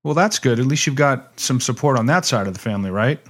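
Hosting a radio news program, a man reads headlines and community listings in a measured, announcer-like delivery and also interviews guests. His ordinary middle-pitched voice is expressive with a fairly bright tone, and there's a little hiss or hum.

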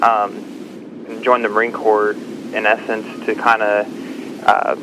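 A young man from Texas, a Marine, answers interview questions haltingly, with frequent uh fillers. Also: on the low side, monotone, background noise. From Kansas-born, raised in Texas. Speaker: guest, active-duty Marine.

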